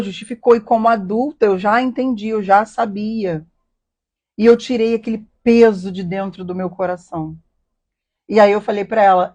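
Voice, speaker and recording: A woman's medium-pitched, darkish voice, with the highs cut off, carries a heartfelt personal story on her live stream. She opens up emotionally and keeps asking rhetorical questions as she confesses.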